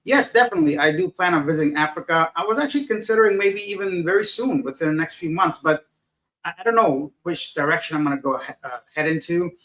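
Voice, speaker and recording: A middle-aged man from Afghanistan hosts a casual livestream, reading viewers' comments aloud and answering them. He rambles, loses his train of thought, and mocks himself, sounding tired and unfocused. His voice is on the high side, quick and fairly bright.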